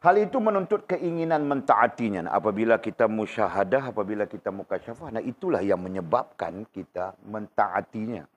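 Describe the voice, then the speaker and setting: A man teaching an informal religious class, quizzing students by name and tagging his points with quick questions, sounding unwell. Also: lowish voice, lively intonation. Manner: conversational, questions students by name, frequent tag questions. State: unwell, in pain while talking. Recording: dull lo-fi recording.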